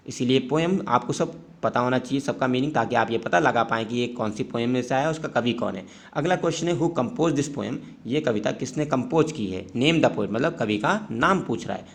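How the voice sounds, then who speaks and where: A man with an Indian English accent explains exam answers patiently, step by step. His voice sits at an ordinary middle pitch. He moves easily between Hindi and English as he teaches. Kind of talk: exam-prep lesson.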